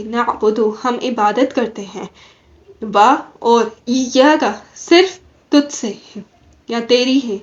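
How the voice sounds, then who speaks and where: A woman teaching a Quran commentary class, explaining slowly and asking questions that she then answers herself. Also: a little high, highs cut off. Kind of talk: recorded religious lesson.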